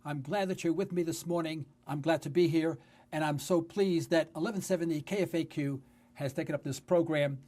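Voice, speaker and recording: A New York City talk radio host in his sixties delivers a conversational, storytelling monologue with emphatic phrasing in his New York accent. His voice is a little high and a little mellow, and he talks a little fast.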